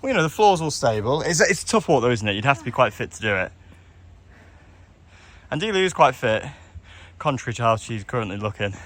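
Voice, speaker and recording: Very animated and fairly quick, yet given to long pauses, this young man has a mid-range voice with a fairly bright tone. He hosts a laid-back travel vlog on a walk through a lakeside village, asking his companion questions over the outdoor street noise.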